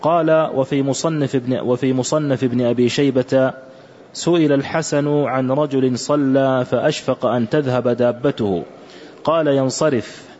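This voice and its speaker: A man reading aloud a classical religious commentary for a teacher, in a measured, careful recitation. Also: mid-range voice, fairly even intonation, a little mellow. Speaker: student reading the text aloud. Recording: dull lo-fi recording.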